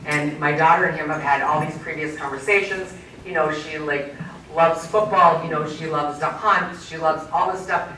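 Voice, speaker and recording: Animated woman speaker in an echoey hall. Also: low voice, moderate pace, a little hiss or hum. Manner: animated, asks the audience questions. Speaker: keynote speaker. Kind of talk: storytelling speech to a live audience. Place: community event hall. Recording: echoey hall, mic from far off.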